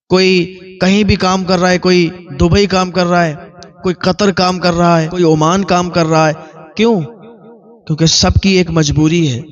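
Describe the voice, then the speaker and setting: High-voiced man preaching a story sermon. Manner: repetitive, listing cadence. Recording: dull lo-fi recording.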